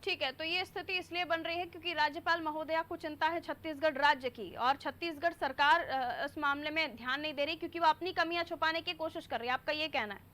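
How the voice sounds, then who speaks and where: A woman anchoring a TV news interview, her voice high and bright. She keeps pushing her guest with sharp follow-up questions. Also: a little fast, few pauses. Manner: presses with pointed follow-up questions.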